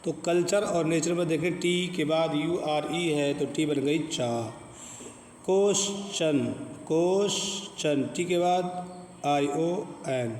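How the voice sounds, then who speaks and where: A man's voice: a little high, fairly even intonation, measured pace, a little mellow. A man with a Pakistani Urdu accent teaching an English pronunciation lesson, speaking patiently, repeating words and asking questions. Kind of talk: classroom lesson explaining pronunciation rules. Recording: echoey room with long reverb, faint ambient noise.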